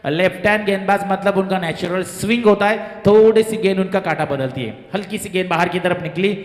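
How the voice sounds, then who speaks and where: A man from giving live local cricket commentary in an excitable manner. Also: sits high, brisk. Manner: excited commentary, rising on boundaries. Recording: echoey PA-like sound with long reverb.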